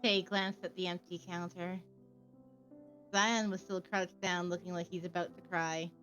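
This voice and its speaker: A woman streamer reading visual novel narration aloud in a steady, lightly wry way. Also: fairly low pitch, a little slow, dull audio, faint music behind.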